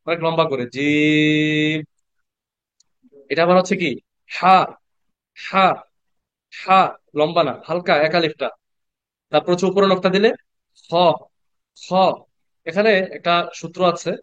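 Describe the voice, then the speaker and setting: A man teaching Quran reading in an online class, patiently repeating letter sounds slowly and asking the class questions. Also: on the high side, clean tone, no room sound, muffled recording. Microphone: computer mic on a video call.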